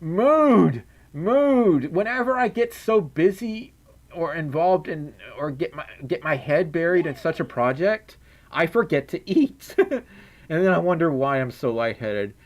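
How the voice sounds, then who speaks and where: A young streamer with a scratchy, fairly high and expressive voice chats playfully on a livestream, reading chat messages and donations while giggling and humming. He speaks a little slowly.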